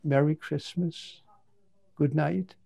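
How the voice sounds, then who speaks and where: A shy young bunny stammers his requests in a raised, softly mellow voice, put on by a man telling a bedtime-style story. He sounds timid and hopeful, tripping over his words. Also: on the high side, steady tone, slow pace, creaky, voice pushed up, full character voice.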